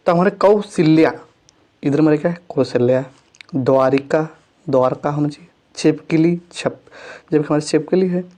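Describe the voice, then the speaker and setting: A man's voice: a little high, moderate pace, long pauses, warm tone. A male teacher giving an exam-prep lesson, reading out correct and incorrect spellings, repeating each word twice and correcting himself as he goes. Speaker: Hindi grammar teacher.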